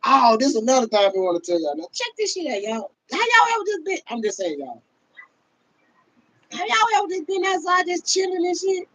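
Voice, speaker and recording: Lively, high-voiced man, laughing. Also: brisk, poor audio. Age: 30s. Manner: loud, laughing, profane, talks to viewers as y'all. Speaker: livestream host. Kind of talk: casual livestream rant.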